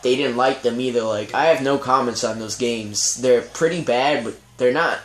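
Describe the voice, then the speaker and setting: A man's voice: mid-range voice, normal speed, fairly bright tone. A young man hosting a casual gaming discussion, opinionated and rambling, often hedging with "I mean". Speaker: podcast host. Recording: echoey room with faint noise.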